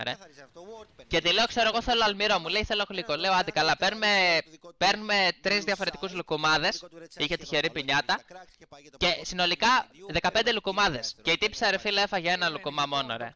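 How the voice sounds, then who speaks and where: A young man, chatting rowdily on his stream and telling stories with lots of swearing. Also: high-pitched. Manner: rowdy, swearing, animated storytelling. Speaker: streamer reacting to his team's match. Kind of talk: casual stream chat.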